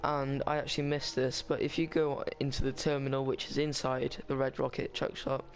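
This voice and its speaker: A man's voice: mid-range voice, flat delivery, fairly quick. A man talking casually over a game walkthrough, rambling and chatty with frequent restarts. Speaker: gaming guide maker.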